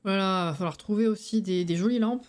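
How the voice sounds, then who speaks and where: A woman's voice: medium pitch, brisk, a little mellow. Lisping, tired woman streamer from a game stream. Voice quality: lisp with slushy, zozotant s sounds. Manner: colloquial, thinking aloud. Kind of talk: casual live game stream commentary. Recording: voice over background music. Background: music.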